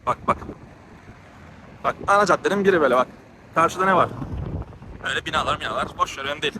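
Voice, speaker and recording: A fairly high-pitched man talks into a handheld camera as he walks down a street, audibly out of breath. He speaks in a heated, ranting way and keeps repeating his points. Clear street noise sits around his voice. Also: quick pace. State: out of breath from walking. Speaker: travel vlogger. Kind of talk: walking vlog monologue. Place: outdoors on town streets. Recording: noisy outdoor street recording.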